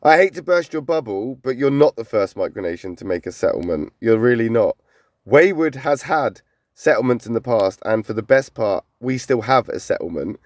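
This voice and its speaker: A man's voice: medium pitch, lively intonation, normal speed, dry recording, clean studio sound. A man reacting to videos in casual commentary, blunt and skeptical. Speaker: micronation reviewer.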